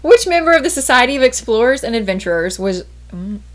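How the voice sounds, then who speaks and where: A woman's voice: a little high, big pitch swings, quick pace, slight background noise. A woman co-hosting a casual trivia livestream, reading out questions and teasing her partner in a playful way.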